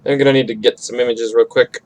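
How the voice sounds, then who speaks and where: A man's voice: medium pitch, level tone, fast, darkish tone. Rambling, foul-mouthed male streamer. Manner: rambling, profane. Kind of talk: casual chat while drawing on stream.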